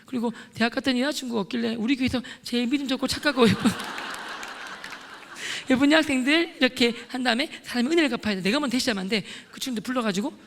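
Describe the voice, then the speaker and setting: Middle-aged male lay preacher, high-pitched and excitable testimony, long reverb from a large sanctuary. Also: fast, slight background noise. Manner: excitable storyteller, acts out scenes loudly. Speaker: lay deacon giving testimony. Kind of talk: testimony sermon at a prayer meeting. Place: church sanctuary.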